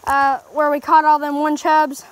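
A fishing vlogger by a wooded mountain creek chats easily to her viewers, keeping up a casual running commentary as she fishes. Her voice sits high and stays monotone at a normal speed. It's a dry recording made on a handheld phone camera.

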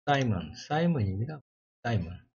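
A man teaching through Bible exam questions, reading English verses slowly and explaining them in his own words, thinking aloud as he goes. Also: mid-range voice, big pitch swings, a little mellow, slightly rough, dull audio. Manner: slow, deliberate reading of English verses with Korean glosses; thinks aloud and corrects himself. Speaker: exam prep lecturer.

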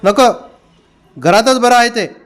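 A man voicing a calm, mildly amused old village man in an audiobook. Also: very high voice, takes it slowly, pitched above the performer's own voice.

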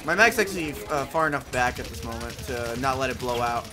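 A man hosting a casual gaming session with friends, loud and excitable, trash-talking and swearing into his gaming mic. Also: medium pitch, brisk, noisy background. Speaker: host playing an online shooter with friends. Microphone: headset or desk mic at a gaming setup.

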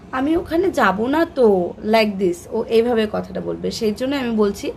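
A woman's voice: a little high, a little hiss or hum. A young woman from Bengal vlogging in a casual, rambling way with many fillers and restarts. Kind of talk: casual chat to camera.

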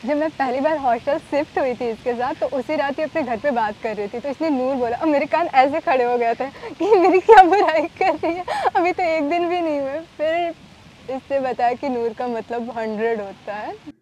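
A young woman from Uttar Pradesh, a student, telling a story in a lively way in an interview. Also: high-pitched, moderate pace, lo-fi sound, a little hiss or hum. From Ghazipur, Uttar Pradesh, India. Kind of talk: casual interview.

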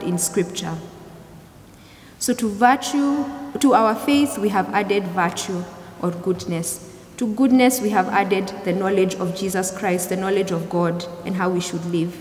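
A young adult woman giving a youth service sermon in a measured, explanatory way, often rephrasing as she goes. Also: mid-range voice. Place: large church hall, indoors. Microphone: gooseneck pulpit microphone. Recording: echoey hall, clear background noise.

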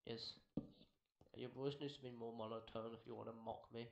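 Man, monotone gamer chat, sudden yelps, echoey room. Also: medium pitch, brisk, creaky. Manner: dry, self-described monotone, with sudden yelps. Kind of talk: casual gameplay chat. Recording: roomy home recording, faint hiss.

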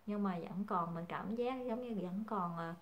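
A young Vietnamese mother who vlogs chats casually with her viewers, calling them family, and sounds hesitant with many fillers. Her voice is lowish at a moderate pace, and the highs are cut off.

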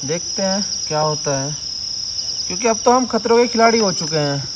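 Young male camping vlogger, casual and excited, loud cricket noise behind. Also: high voice, fairly quick. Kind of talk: casual outdoor vlog chat. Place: forest campsite at night, outdoors.

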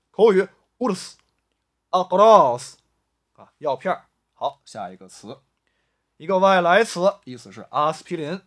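A man teaching a vocabulary lesson, drilling each word slowly and repeating it several times, with frequent drawn-out "ah" fillers. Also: sits high. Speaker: Arabic language teacher.

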